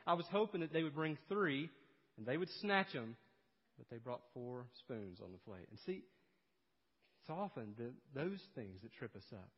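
A man preaching an expository sermon, telling stories and swinging between loud emphasis and hushed, low passages. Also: big pitch swings, moderate pace. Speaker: pastor. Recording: dull sound with long hall reverb.

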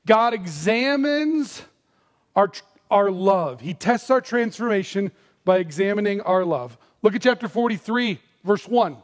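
A man preaching a sermon, emphatic, repeating key phrases and slowing down to stress each point. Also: high voice, lively intonation, in a large hall. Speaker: pastor.

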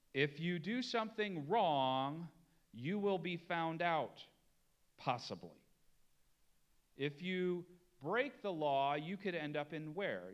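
A middle-aged man delivers a sermon in a lively, swooping voice that sits slightly high for a man. He slows down and leans hard on key words, then hurries through the asides to his listeners. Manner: animated preaching, drawn-out emphasis on key words. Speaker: pastor.

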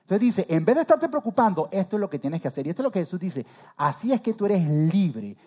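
A man preaching a sermon as pastor, rising suddenly to loud emphatic peaks and trailing off softly at the ends of phrases. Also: sits high, sing-song, fast talker.

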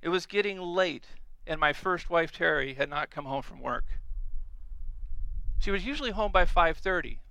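A man's voice: on the high side, animated, moderate pace, creaky, sharp tone, no room sound, poor audio. A middle-aged man preaching a sermon, earnest and emphatic, repeating key phrases.

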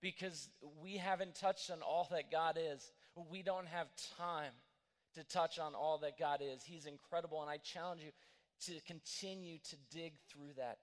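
A man's voice: a little high, big-room sound. A man preaching a sermon, telling a story earnestly and often restarting his phrases. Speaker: pastor.

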